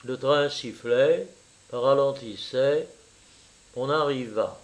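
Male narrator for a classic story reading, slow and wry. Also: mid-range voice.

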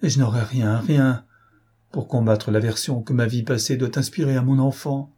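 A man's voice: medium pitch, fairly even intonation, moderate pace, mellow, slightly rough, close to an everyday voice. A man voicing a grief-stricken middle-aged father, speaking in anguish. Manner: anguished, pleading.

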